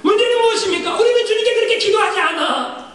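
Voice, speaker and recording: Male pastor, sermon; high voice, lots of rhetorical questions to the congregation, shouted scripture quotes, echoey hall. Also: fast. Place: church sanctuary. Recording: echoey church hall, mic at a distance.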